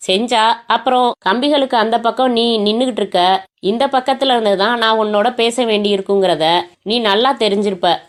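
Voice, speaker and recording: A woman voicing a menacing male kidnapper who speaks in a cold, measured, taunting way on the phone. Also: a little high, lightly acted.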